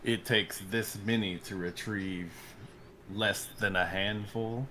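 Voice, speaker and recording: A man's voice: on the low side, steady tone, slow pace, sharp tone, a little hiss or hum. A man voicing a guarded male adventurer with dry, careful replies. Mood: wary.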